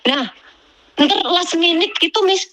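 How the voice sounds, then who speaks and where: A woman speaks with a high, sharp, bright voice. She tells her story to a host in an animated, aggrieved way and keeps calling the listener "Miss". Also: slow, poor audio. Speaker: migrant domestic worker telling her story.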